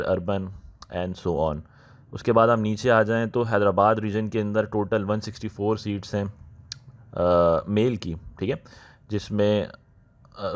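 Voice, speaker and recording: A man, talking viewers through job openings in a casual, unhurried way, often slipping into English phrases and pausing to think. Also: fairly low pitch, darkish tone. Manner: unhurried, thinking aloud with many "uh" pauses. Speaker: channel host explaining job openings. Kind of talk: casual explanatory walkthrough.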